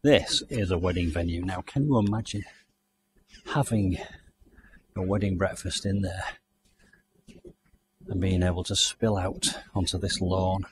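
With a deep voice against a noisy background, a man from the UK walks outdoors through a country garden, giving a chatty, enthusiastic tour and musing aloud. He's hot and overdressed, recording it all on the handheld camera he carries.

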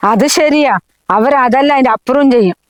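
A middle-aged woman playing a scheming, sharp-tongued mother who nags and insults in a short film drama. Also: high voice, moderate pace, slight background noise, natural voice, low-quality recording. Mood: gossiping. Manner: scornful, nagging, insulting. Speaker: mother-in-law.

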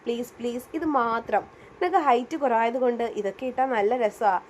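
A woman's voice: fairly high pitch, animated, brisk, a little hiss or hum, close to an everyday voice. A woman voicing a teasing, pushy girlfriend. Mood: playful. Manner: playful, coaxing. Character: cheerful young female friend, teasing and pushy.

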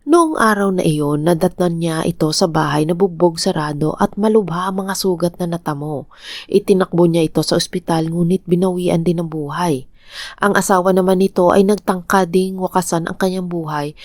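A woman with a Filipino accent narrating a true crime story in a calm, even, scripted read. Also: lowish voice, no room sound.

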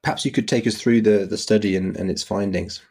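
A man's voice: on the low side, fairly quick, vocal fry, darkish tone, husky. A man interviewing on a podcast, wordy and tentative, often rephrasing as he goes. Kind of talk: interview questioning.

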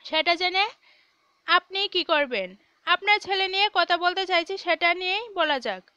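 A woman's voice: very high voice, lively intonation, moderate pace, bright, forceful tone, no room sound, dull audio, heavily acted. A woman voicing a hesitant female kidnapper's accomplice who mumbles and falters on the phone. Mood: businesslike.

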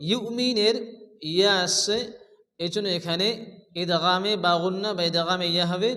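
A man teaching Quran reading, who explains each rule in plain words and then chants every word slowly. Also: sits high, fairly bright tone, big-room sound. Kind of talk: Quran recitation lesson.

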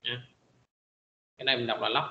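A middle-aged man teaching a high school math class in a classroom lecture, filling his pauses with frequent hesitant "à" sounds. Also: level tone, reverberant, highs cut off, slight background noise.

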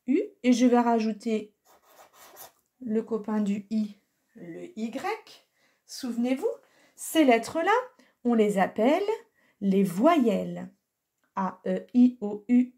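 A woman teaching a recorded lesson for young children, speaking slowly and patiently and carefully sounding out letters. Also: on the high side, warm tone. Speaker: primary school teacher.

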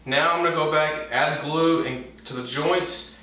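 A man, a woodworking channel host, giving relaxed, plain-spoken how-to narration with small self-corrections. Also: fairly high pitch, measured pace. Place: home garage workshop. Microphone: camera mic from across the room. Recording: very echoey garage, distant mic, faint hiss.

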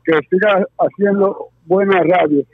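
Indignant caller on phone. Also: male voice, high voice, fairly even intonation, a little slow, dry recording. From Puerto Rico. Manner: indignant, ranting. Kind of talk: phone call to a radio show. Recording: tinny dry phone line.

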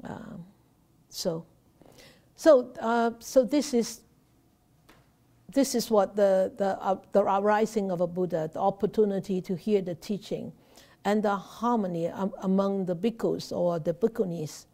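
A middle-aged woman with a Hong Kong accent gives an unhurried Dharma talk, stumbling over restarts and fillers. Her voice is soft and mellow, set at a middling pitch. She speaks into a laptop webcam in a temple shrine room. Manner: slow, halting, many restarts and fillers. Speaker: Buddhist nun teacher.

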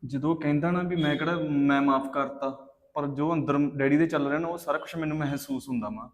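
A man's voice: fairly high pitch, quick pace, lightly acted. A young man acting a remorseful son who pleads with his mother about his father. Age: young adult. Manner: pleading, flat-voiced. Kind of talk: Punjabi web drama acting. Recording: dull recording with faint background noise.

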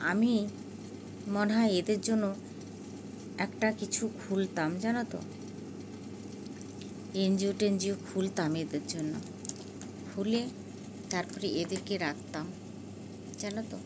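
A woman's voice: mid-range voice, steady tone, measured pace, long pauses, noisy background. Chatty woman vlogging with her cats. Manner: fond, chatty, coaxing pets with repeated calls. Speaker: cat owner vlogger. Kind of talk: casual home vlog narration.

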